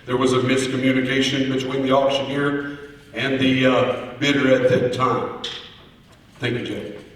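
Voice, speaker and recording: A man gives formal contest answers in a courteous, earnest, deliberate way, like an orator. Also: medium pitch, level tone. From Oklahoma, US. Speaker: auctioneer, contest finalist. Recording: echoey hall, heard from far off.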